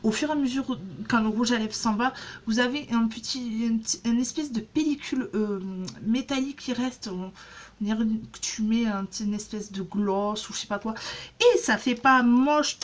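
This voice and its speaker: A woman's voice: fairly high pitch, fairly even intonation, normal speed. A woman in her thirties chatting casually in a haul vlog, rambling with many fillers and restarts. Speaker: beauty vlogger.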